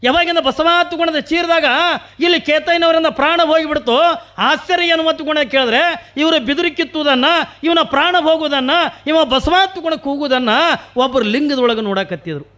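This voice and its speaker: A man's voice: extremely high pitch, fairly quick, sharp tone. A man telling a devotional story as a purana preacher, sing-song and full of rhetorical questions.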